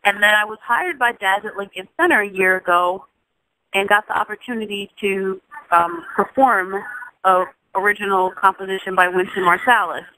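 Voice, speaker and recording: A Jamaican singer in her thirties speaks at a normal pace in a mid-range voice, captured on a low-quality recording. As an interview guest she's thoughtful and casual, often restarting phrases and laughing softly.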